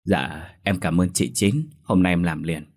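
A man's voice: low voice, unhurried. A man voicing a frightened, tearful poor village mother, pleading meekly. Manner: pleading, whimpering.

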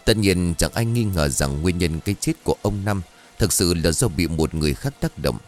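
Deep-voiced male ghost story narrator. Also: moderate pace, faint music behind. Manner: expressive, dramatic reading.

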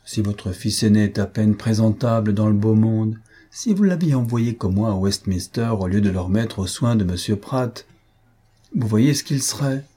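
A man doing a vain, foppish young gentleman. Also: lowish voice, moderate pace, husky. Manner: affected, mocking and chatty.

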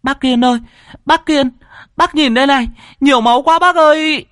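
A man voicing a frightened little girl who cries out in a shrill, whimpering falsetto. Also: a little slow, pushed and bright, no room sound, clean studio sound, faint music behind, exaggerated voice. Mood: panicked.

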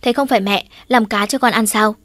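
A woman's voice: medium pitch, brisk, a bit bright, no echo, lightly acted. A playful young man of twenty who clings to his mother and pesters her, played by a woman reading an audiobook. He whines, pleads and teases. The sound is dry and close to the mic. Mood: pleading. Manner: whiny, pleading, teasing.

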